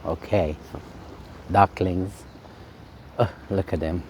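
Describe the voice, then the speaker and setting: A man with a fairly low voice gives an informal spiritual talk outdoors by a fountain. He speaks as a swami, unhurried and reflective, often pausing on "um". Faint outdoor ambience and passing traffic sit behind him. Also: fairly even intonation. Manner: unhurried and reflective, with frequent ums.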